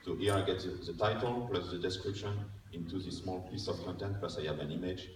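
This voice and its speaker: A man's voice: deep voice, fairly even intonation, fast. A man who is a non-native English speaker gives an informal technical lightning talk, explaining step by step and often checking in with a short tag question. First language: not English. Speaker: conference speaker. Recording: distant mic, echoey room, faint noise.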